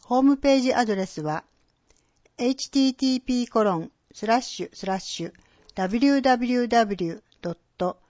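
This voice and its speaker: A woman announcer reading a scripted public-service segment, with clear, measured delivery of names and dates. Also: a little high, lively intonation, darkish tone, no echo, dull audio. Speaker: municipal announcer.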